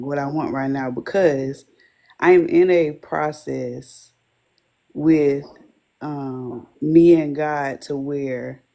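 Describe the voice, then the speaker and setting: Slow, earnest woman sharing her faith. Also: deep voice, mellow. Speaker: life coach for wives of addicts. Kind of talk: interview guest testimony.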